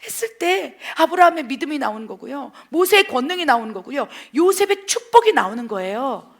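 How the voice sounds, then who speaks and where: A woman missionary pastor preaching a sermon and praying, swinging from soft prayer to loud fervent proclamation. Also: sits high, sing-song, brisk.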